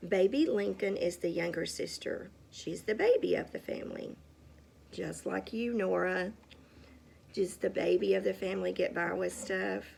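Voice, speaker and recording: A woman's voice: medium pitch, normal speed, gravelly, darkish tone, slight background noise. A woman reading a storybook aloud to a child at home, with chatty asides and questions. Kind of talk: casual storytime read-aloud.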